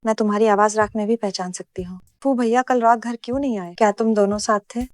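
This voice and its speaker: A woman's voice: mid-range voice, fairly even intonation, quick pace, darkish tone, no room sound, clean studio sound, close to an everyday voice. A woman voicing a jealous, possessive young woman in a dubbed drama, demanding answers in an accusing way.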